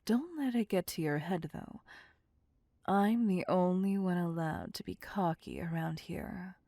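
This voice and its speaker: Whispering breathily and huskily, a female voice actor plays a possessive, cocky, sadistic vampire captor for an ASMR roleplay, slow, seductive, teasing and domineering with a smug, playfully menacing air. The dry recording captures a fairly low, dark voice with big pitch swings.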